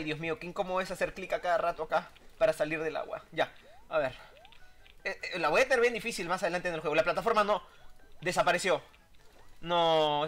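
A man casually commentating his own gameplay, joking, fretting and yelping at surprises. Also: a little high. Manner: excitable, jokey, yelps at surprises. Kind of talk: casual let's-play commentary. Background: game music.

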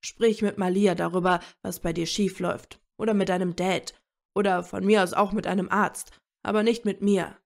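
A woman reading aloud as a gruff adult male werewolf who scolds and growls. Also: on the low side, slow, few pauses, mellow. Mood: gruff scolding. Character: gruff grown male werewolf, curt and irritable.

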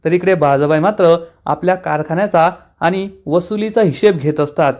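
A man retelling a TV serial episode in a casual way, quoting each character's lines with lively emphasis. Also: a little high, moderate pace.

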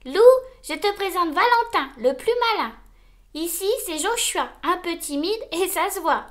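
A woman's voice: extremely high pitch, expressive, unhurried, voice pushed up, heavily acted. A woman voicing a huge, cheerful male wolf who loves to joke, in a storybook reading. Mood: jolly. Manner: bright, teasing, boisterous.

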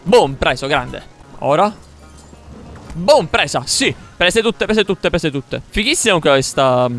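A young man commentates his own gameplay in an excitable, high-pitched voice that swings wildly up and down. He repeats words in rapid bursts and swears at mishaps. Game music plays faintly behind him. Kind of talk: live let's-play commentary.

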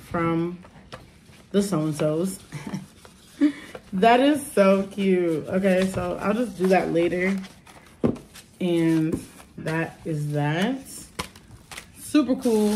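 Young woman, casual home vlog, rambling fillers, medium pitch, slight background noise. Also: a little mellow. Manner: chatty, rambling, many "like" and "um" fillers. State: out of breath, rushed. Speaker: vlogger. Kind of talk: casual vlog chat to camera.

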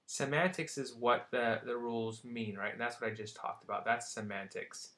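A man's voice: mid-range voice, steady tone, moderate pace, bright, forceful tone. A young man teaching psychology terms in a casual recorded lecture, checking in often and making light jokes. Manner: casual, checks in with "right?" and "okay?"; light joking asides.

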